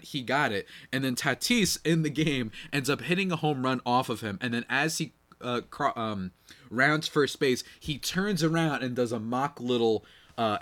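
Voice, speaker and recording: A man hosting a casual solo sports podcast, slightly nasal and congested, talking in an animated, slangy way with chatty asides to listeners. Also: medium pitch. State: congested from a cold night.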